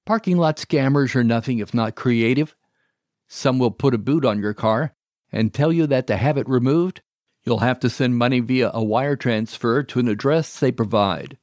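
A man hosting a show, reading a scripted narration in a measured, wry way. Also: mid-range voice, a little mellow, dry recording, clean studio sound. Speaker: host.

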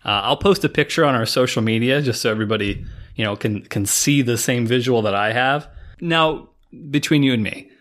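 A man's voice: medium pitch, brisk, a bit bright. A man in his thirties hosting a show, casually chatting and recapping clips. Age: 30s. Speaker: podcast host.

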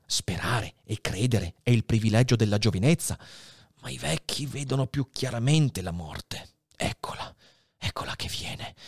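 A man's voice: medium pitch, no echo, studio quality. A man voicing a dying old priest in a dramatic reading of a novel, speaking weakly and often dropping to a whisper. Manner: weak, hushed, often whispering. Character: dying old male priest, frail and solemn.

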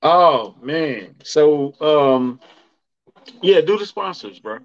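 A man's voice: fairly high pitch, lively intonation, extremely slow, highs cut off. A man co-hosting a casual sports show in slangy bro talk, often saying man and bro.

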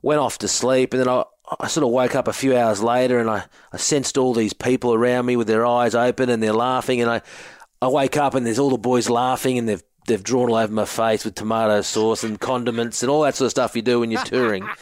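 Australian man, 40s, co-host; laid-back joking storyteller, mid pitch, dry recording. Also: steady tone, brisk, dry recording. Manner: jokey yarn-spinner, says mate often. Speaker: co-host, former rugby forward. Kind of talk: casual chat, storytelling.

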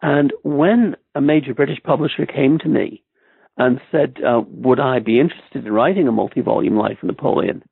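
Man, Irish accent, podcast guest historian, hesitant with ums, husky, dry close sound. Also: mid-range voice, normal speed, no echo. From Ireland. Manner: hesitant, many ums and restarts. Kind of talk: podcast interview. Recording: tinny phone-like line.

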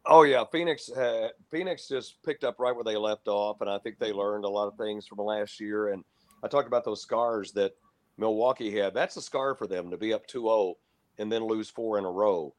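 Older broadcaster, even standard delivery. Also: male voice, on the low side, normal speed. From Lubbock, Texas. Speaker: guest, longtime basketball broadcaster. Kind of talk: casual radio interview.

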